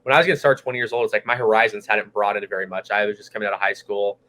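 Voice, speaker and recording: Fast-talking young man, eager and chatty. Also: on the low side, fairly even intonation, pushed and bright. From United States, California. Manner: quick, eager, laughs often, lots of "like". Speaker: guest, young real estate investor. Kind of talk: casual podcast chat.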